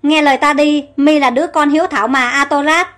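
A woman's voice: high voice, fairly even intonation, a little fast, fairly bright tone. A woman voicing a cold, scheming royal queen mother who gives icy commands, in a read-aloud storybook. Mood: wheedling.

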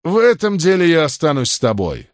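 A man's voice: a little high, huge pitch swings, a little fast, dry recording, voice pushed up. A laid-back gladiator captain from a storybook who drawls his words in a raised voice. A man voices him in a dry, close recording. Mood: drawling.

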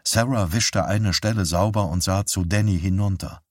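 A man narrating a novel as an audiobook in a calm, measured reading. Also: low voice, dry recording, clean studio sound. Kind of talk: scripted narration.

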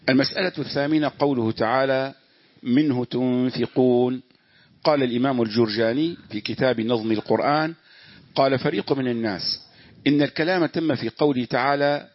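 Husky man reading a classical text aloud. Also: dry recording. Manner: measured, formal recitation of quoted texts. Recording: dull dry low-fi recording.

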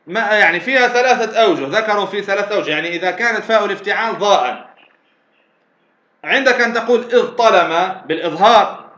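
A man giving a grammar lesson, repeating key words slowly and restarting often. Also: high voice, sharp tone. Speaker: teacher. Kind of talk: classroom lecture on grammar. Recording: roomy, dull lo-fi recording.

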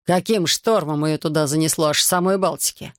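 A man voicing a gruff, suspicious middle-aged army major who talks bluntly. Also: on the high side, fairly quick, fairly bright tone, no echo, studio quality, close to an everyday voice. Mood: wary.

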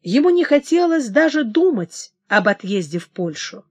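A woman giving a dramatic, expressive audiobook narration of a historical novel. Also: fairly high pitch, moderate pace, slightly rough, dry recording.

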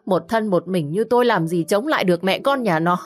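A woman's voice: medium pitch, normal speed, faint music behind, pitched above the performer's own voice, close to an everyday voice. A woman voicing a scheming pregnant mistress in a village who wails and taunts melodramatically. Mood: wailing.

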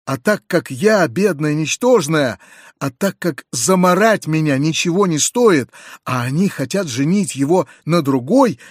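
A man's voice: a little high, breathy edge, no room sound, clean studio sound, heavily acted. A man voicing a heated, indignant young woman. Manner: pleading and heated.

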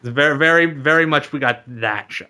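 A man with a bright, slightly high voice jokes through casual podcast chat. His delivery is wry and sarcastic, and he tells the story with dry asides. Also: moderate pace, smooth.

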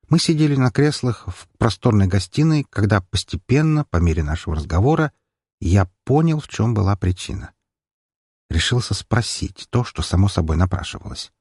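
A man reads a first-person audiobook in a measured, wry way. His voice sits low and husky, and the sound is dry and close to the mic. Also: sing-song, a little mellow, dry recording. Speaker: audiobook narrator.

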